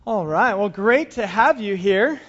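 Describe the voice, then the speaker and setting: A man hosting a church service, introducing guests in a relaxed, chatty way. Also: high-pitched, a little slow, lo-fi sound. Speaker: church host. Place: church sanctuary.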